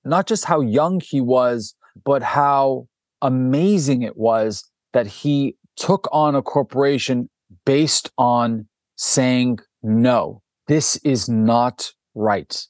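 This guest, a documentary director, speaks slowly in a mid-range voice during a conversational interview. His stories are animated, filled with restarts and acted quotes. The audio is dry and clean, studio quality.

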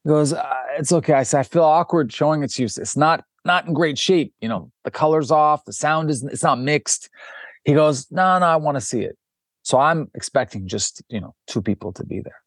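A man's voice: a little high, brisk, no echo. Man telling a story in a dry, close room. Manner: animated anecdotes with many restarts and acted quotes. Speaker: documentary director, guest. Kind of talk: conversational storytelling interview.

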